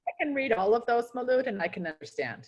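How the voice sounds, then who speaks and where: A woman's voice: on the high side, lively intonation, fast talker, lo-fi sound. A woman from Montana learning French as a beginner over a video call, hesitant and full of ums. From Montana, United States. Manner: hesitant, many ums, laughs at her own tries. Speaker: language student. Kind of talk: online one-on-one language lesson.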